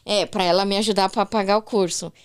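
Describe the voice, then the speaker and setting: A woman's voice: medium pitch, a little fast, smooth. A woman with a Brazilian Portuguese accent, a podcast guest who tells her story with emotion and faith and acts out the people she quotes. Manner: animated, faith-filled, acts out quoted voices. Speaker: interview guest.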